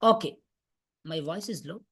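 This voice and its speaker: A woman with a husky voice, lowish in pitch and unhurried, lectures on physics with an Indian accent. She's running an online revision class on a video call, repeating points and often asking whether students understand.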